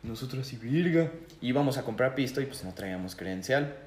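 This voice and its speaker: A young Mexican man tells a story among friends, slangy and animated, acting out the people he quotes. His voice sits in a middle register. The room echoes around him, with a faint hiss underneath. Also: medium pitch, fairly quick. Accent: Mexican Spanish. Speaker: podcast co-host. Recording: roomy room with faint background noise.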